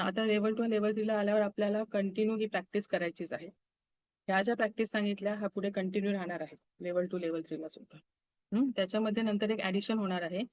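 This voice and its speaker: A woman's voice: medium pitch, no room sound. A woman teaching a Reiki class over a video call, often checking in with her students and slipping English phrases into her speech. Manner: asks the class quick check-in questions. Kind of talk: online class lecture. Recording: dull, dry video-call audio.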